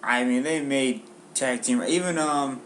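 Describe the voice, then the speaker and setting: A man's voice: medium pitch, a little slow. Playful man chiming in, faint hiss. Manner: short playful interjections. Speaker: podcast co-host. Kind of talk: casual wrestling chat.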